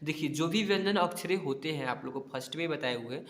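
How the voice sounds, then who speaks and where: A man's voice: a little high, fast, fairly bright tone, echoey room. A man teaching a spelling lesson over a screen, sounding out words syllable by syllable and often checking "ठीक है?" with his pupils.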